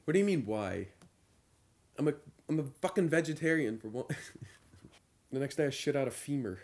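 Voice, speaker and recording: A man's voice: mid-range voice, expressive, normal speed, darkish tone. A man acting in comedy outtakes, swearing freely as he repeats and restarts the same line in different takes. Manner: profane, repeats and restarts lines. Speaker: actor recording comedy outtakes.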